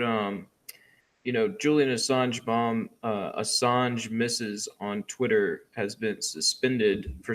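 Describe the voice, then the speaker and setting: A man's voice: lowish voice, a bit bright. A man co-hosting a casual podcast, rambling with many ums and uhs as he shares his final thoughts. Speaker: podcast co-host. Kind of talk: casual chat.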